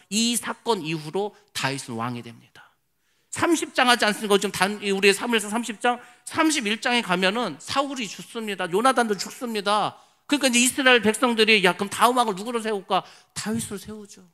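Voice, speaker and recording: Bright high-voiced Korean pastor preaching. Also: male voice. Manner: animated storytelling, acting out his own past prayers and quotes. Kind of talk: sermon.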